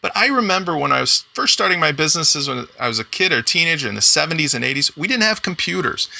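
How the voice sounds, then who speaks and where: Man, 40s, enthusiastic software-tutorial presenter, slightly high voice with some fry. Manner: upbeat, enthusiastic walkthrough. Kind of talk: screen-recorded software tutorial.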